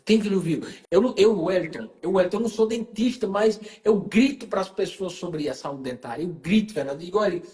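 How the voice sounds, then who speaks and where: A man's voice: sits high, brisk, hardly any pauses, warm tone. A man hosting a live conversation, talking emphatically and often addressing his guest by name. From Pernambuco, Brazil. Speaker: live stream host. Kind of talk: casual conversation.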